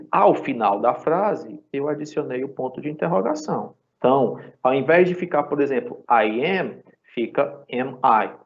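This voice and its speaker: A Brazilian man teaches a live online class at a middle pitch, explaining step by step and checking in with his students every few phrases. The sound is dull and lo-fi, as if picked up by a call mic. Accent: Brazilian Portuguese. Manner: explanatory, checks in often with "certo?". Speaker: English teacher.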